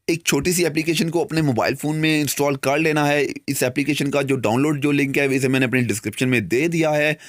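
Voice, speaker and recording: A man's voice: a little high, no echo, studio quality. A young man with a Pakistani Urdu accent hosting a tech tutorial, talking through phone steps and saying "guys" again and again. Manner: repeats "guys" constantly, loose and chatty. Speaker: tech channel host. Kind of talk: screen-recorded tutorial narration.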